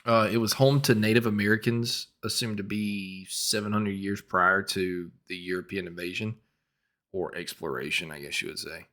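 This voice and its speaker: A man co-hosting a podcast, reading out history from notes, spelling names letter by letter and trailing off quietly at sentence ends. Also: low-pitched, fairly even intonation, moderate pace. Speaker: podcast co-host. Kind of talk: casual podcast chat.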